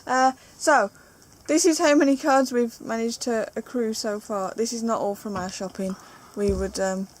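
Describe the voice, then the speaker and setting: Chatty British woman, higher voice. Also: steady tone, normal speed, hardly any pauses. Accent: British English. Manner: playful, chatty, reads card text aloud. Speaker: co-host opening trading cards. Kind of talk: casual chat. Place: living room at home.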